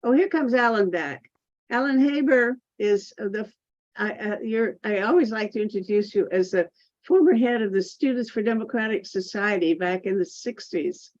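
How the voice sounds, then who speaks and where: A woman's voice: medium pitch, lively intonation, normal speed, a little mellow, no echo. A woman hosting and moderating a group video call, speaking hesitantly with restarts and fillers. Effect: video call audio. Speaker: host, moderator. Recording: dull lo-fi video call audio.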